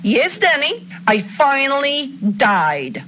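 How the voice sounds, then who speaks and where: Woman acting a taunting, high-pitched villainess hornet. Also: very animated, slow pace, fairly bright tone, exaggerated voice. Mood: smug, taunting. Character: female murder hornet, reincarnated obsessive jilted lover, menacing. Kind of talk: dramatic scripted dialogue.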